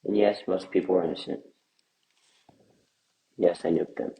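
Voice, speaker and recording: A man co-hosting a comedy sketch, giving absurd answers in a flat, deadpan way. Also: low-pitched, moderate pace, creaky, poor audio. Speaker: comedy show co-host.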